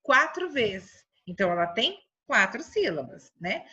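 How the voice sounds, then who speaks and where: Bright, husky Brazilian teacher talking slowly to kids. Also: female voice, on the high side, big pitch swings, highs cut off. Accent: Brazilian Portuguese. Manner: slow, syllable-stretching teacherly delivery. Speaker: primary school teacher. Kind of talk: remote lesson for children.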